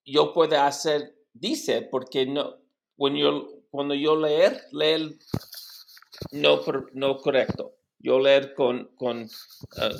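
A man whose first language is English, practicing a poem recitation as a Spanish learner, halting and repeating words syllable by syllable. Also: mid-range voice, vocal fry, slight background noise. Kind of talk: practicing poetry recitation in a lesson.

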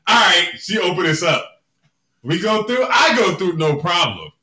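A man telling a story in casual chat, animated, loud and profane. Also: sits high, normal speed. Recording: echoey room.

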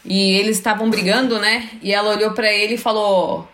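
A woman, mid-pitched, guests on a casual podcast. She chats easily and tells little stories. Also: steady tone, fairly quick, fairly bright tone. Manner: chatty, telling anecdotes. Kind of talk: casual chat.

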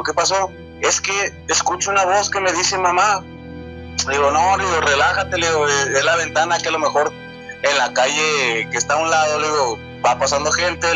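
A man in his twenties with a Mexican accent, telling a true encounter in a halting, repetitive way, often restarting his words. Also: a little high, sharp tone, rough recording. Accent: Mexican Spanish. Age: 20s. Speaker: storyteller sharing a true encounter. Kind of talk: casual spoken testimony.

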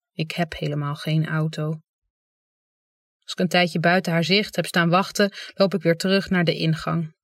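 An audiobook reader narrating a first-person literary story in a calm, understated way. The voice sits in a middle range. The recording is dry and close. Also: medium pitch, no echo.

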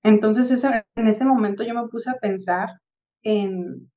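A woman's voice: medium pitch, a little slow, dull audio. A Mexican woman in her thirties chatting casually on a podcast, telling a reflective everyday story and acting out the people she quotes. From Tijuana, Mexico. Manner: reflective, animated anecdote-telling with acted-out quotes. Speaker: podcast co-host.

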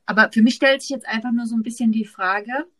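A woman's voice: fairly high pitch, quick pace, no room sound. Hesitant young woman, dry close sound. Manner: hesitant, many fillers while forming questions. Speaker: podcast co-host. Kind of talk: casual podcast chat.

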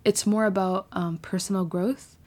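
A woman in her twenties co-hosting a podcast, chatting in an animated, teasing, rambling way. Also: mid-range voice, normal speed. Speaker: podcast co-host. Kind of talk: casual chat.

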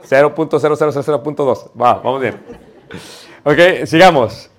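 A man's voice: fairly high pitch, normal speed. A man teaching a homiletics class, joking with his listeners and calling them brothers. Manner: lively, playful, addresses listeners as brothers. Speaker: preaching instructor.

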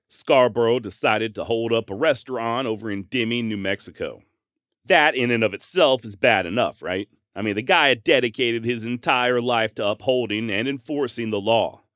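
A man's voice: medium pitch, fairly bright tone, no echo, studio quality. A man hosting a history podcast, narrating true stories in a sarcastic, conversational way with casual swearing. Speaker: podcast host.

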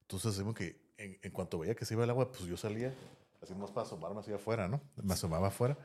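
He races through a story on a casual podcast, a man with a Mexican accent and a lowish, slightly mellow voice. A little hiss or hum sits in the recording, and as host he rambles, adding "¿no?" and "así" to his sentences.

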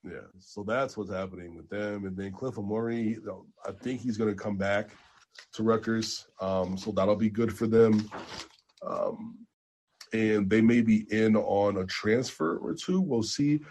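A man co-hosting a podcast, chatting casually about basketball transfers with animated jumps in excitement. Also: fairly low pitch, unhurried, slight background noise. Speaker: podcast co-host. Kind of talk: casual sports chat.

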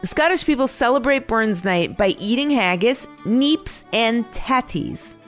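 A woman hosting a kids' news podcast in scripted narration, her fairly high voice rising and falling with plenty of bounce. She explains things clearly and brightly for young listeners. Soft music plays underneath. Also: expressive, measured pace. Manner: bright, explanatory storytelling delivery.

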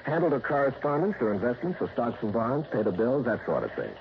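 In a 1960s radio drama, a male actor with a mid-range, sing-song voice talks a little fast as an eager, talkative small-town radio newsman with an insinuating mood. The old recording sounds dull and hissy.

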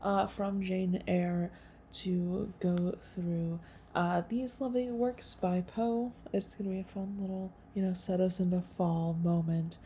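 A woman's voice: on the low side, fairly even intonation, unhurried, dark tone, a little hiss or hum. A woman hosting a podcast in a casual, chatty, informal way. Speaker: podcast host.

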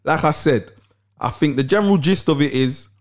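A man hosts a relaxed sit-down conversation. He talks in an easygoing way, circling back over his own phrases and dropping street slang. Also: on the high side, moderate pace. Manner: laid-back, repeats phrases, London slang. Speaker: podcast host. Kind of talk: casual chat.

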